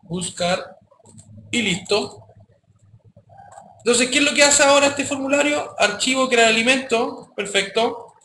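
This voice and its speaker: A man teaching a coding class, his voice high and bright. He speaks casually and keeps checking that the students follow. The sound is echoey, with faint background noise. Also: measured pace, long pauses. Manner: casual, addresses students directly with frequent checks. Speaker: programming teacher. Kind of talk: live classroom coding lesson.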